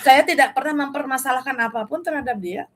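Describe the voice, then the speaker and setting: A middle-aged woman with an Indonesian accent, preaching a testimony sermon in an animated storytelling way and mixing in English phrases. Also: high voice, fast talker.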